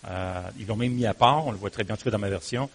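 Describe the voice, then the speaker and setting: Husky Québécois man preaching. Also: fast. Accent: Québécois French. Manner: expressive preaching that swings between loud, emphatic lines and low, hushed ones; conversational, with fillers and restarts, addressing listeners as "mon ami". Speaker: pastor. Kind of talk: sermon.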